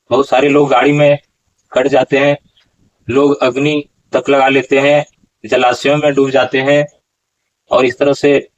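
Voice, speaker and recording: A man teaching how to pronounce a Gita verse. He talks slowly, asks questions and corrects recitations. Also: medium pitch, lo-fi sound. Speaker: Sanskrit pronunciation teacher.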